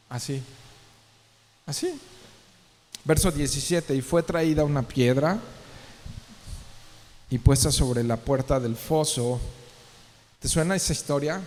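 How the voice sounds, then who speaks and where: A man's voice: mid-range voice, a little mellow. A male pastor giving a verse-by-verse sermon, talking to the congregation conversationally and often asking rhetorical questions. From Mexico. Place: church sanctuary. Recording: long church reverb.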